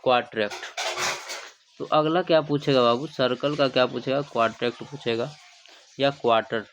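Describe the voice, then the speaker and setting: A man's voice: medium pitch, steady tone, normal speed, dull audio, noisy background. A male math teacher. He gives a livestream classroom lesson in call-and-response style, asking questions, repeating the answers and calling his students "babu".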